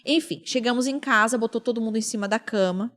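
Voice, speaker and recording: Speaking quickly in a slightly bright, fairly high voice, a woman in her thirties hosts a casual podcast. She recounts a personal story emotionally and performs other people's quoted words.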